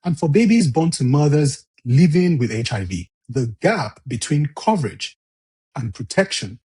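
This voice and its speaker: A man hosting an interview podcast, reading a measured introduction and then asking questions. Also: fairly high pitch, very animated, mellow, slightly rough. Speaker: podcast host. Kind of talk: interview with scripted intro narration.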